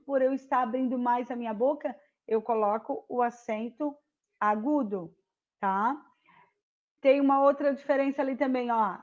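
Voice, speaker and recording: A woman's voice: high voice, darkish tone, highs cut off. A woman teaching a primary school class online, patient and explaining step by step, checking often that the children follow. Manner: slow, patient, repeats and checks with "tá certo?".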